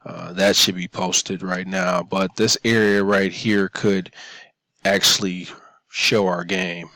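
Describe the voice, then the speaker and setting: A man, a student, talking over his own screen recording at a computer microphone, halting, with many ums and restarts. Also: low-pitched, little pitch movement, bright, forceful tone, no room sound. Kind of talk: narrating a screencast demo.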